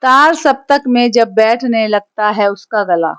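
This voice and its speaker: This teacher's voice is on the high side, bright, clear and resonant, moving at a measured pace with no room sound. She has a Hindi accent and goes through a poem line by line, patiently explaining and frequently asking "theek hai" to check on her listeners.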